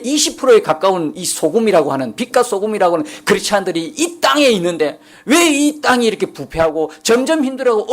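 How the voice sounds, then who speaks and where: A pastor delivers a Sunday sermon from the pulpit. His voice rises and falls across a wide range. He keeps pressing the congregation with pointed rhetorical questions. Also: high-pitched. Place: church sanctuary.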